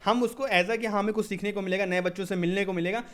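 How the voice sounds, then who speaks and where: Fast, high-voiced young man coaching. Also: steady tone, a bit bright. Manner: repeats "ठीक है?" after nearly every phrase; reads English headings slowly, then explains. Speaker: SSB coaching presenter. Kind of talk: casual Hindi lesson with English phrases. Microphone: basic microphone.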